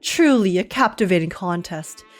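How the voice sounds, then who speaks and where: A woman's voice: lowish voice, expressive, normal speed, soft background music, natural voice. A woman voicing a gallant knight of beauty with flowery, theatrical, courtly delivery, reading game dialogue. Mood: admiring, gracious. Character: gallant, florid male knight devoted to beauty.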